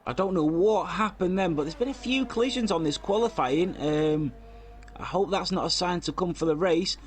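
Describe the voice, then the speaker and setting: A man's voice: high-pitched, moderate pace. A man giving casual live commentary on an online racing league, reading out lap times and chatting with viewers. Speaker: race commentator.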